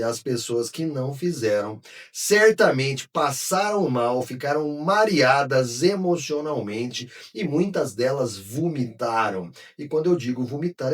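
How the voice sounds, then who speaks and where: Husky older man teaching. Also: medium pitch, far from the mic. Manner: emphatic, addresses viewers directly, bursts into shouts. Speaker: Kabbalah teacher. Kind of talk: spiritual teaching to camera.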